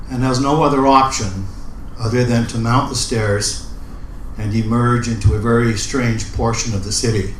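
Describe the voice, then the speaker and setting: A man speaks as an open mic poet, with slow, deliberate phrasing and a medium-pitched voice. The sound is roomy, with some faint noise behind him. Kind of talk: spoken introduction and dramatic poetry recital. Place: indoor open mic event room. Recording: roomy live recording with background noise.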